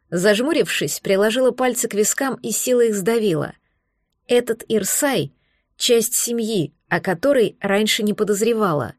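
Woman, first-person audiobook narration, steady expressive reading, slightly high voice, dry recording. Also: no room sound.

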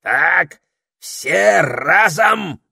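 A man voicing an irritable old male parrot who yells and squawks in exasperation, in an audiobook. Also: huge pitch swings, extremely slow, no room sound, studio quality, heavily acted. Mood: urgent. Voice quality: shrill, gravelly. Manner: yelling, exasperated.

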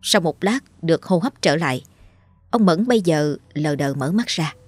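A woman narrating a horror story in a steady, dramatic way. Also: low voice, moderate pace, husky, no room sound. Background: faint music.

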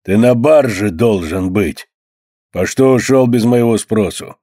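A man voicing a rough, bullying middle-aged barge owner who talks loudly and threateningly. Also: on the low side, a little slow, no echo, studio quality. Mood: angry. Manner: coarse, threatening, loud.

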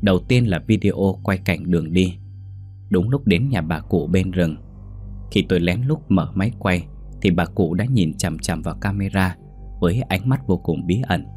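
A man narrating a first-person ghost story in a steady, measured reading. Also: low-pitched.

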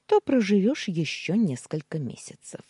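A woman's voice: fairly low pitch, sing-song, moderate pace, dark tone, slightly rough, dry recording, studio quality, voice pushed up, exaggerated voice. A woman voicing a bitter, scornful young wife of twenty-one who talks sharply and hisses her demands. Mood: cold, demanding.

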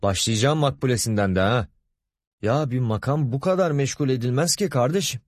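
A man's voice: lowish voice, lively intonation, moderate pace, a little mellow, no room sound, clean studio sound, pitched above the performer's own voice. A man voicing a pompous, lecherous middle-aged male boss in an audiobook, wheedling and bossy by turns. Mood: grumpy bossy. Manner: wheedling, grumbling, commanding.

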